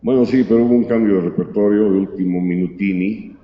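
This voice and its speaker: A man voicing a boastful fake opera tenor who speaks slowly and grandly and fumbles invented Italian words. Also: fairly low pitch, fairly even intonation, natural voice. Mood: grandiose. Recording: dull echoey hall recording.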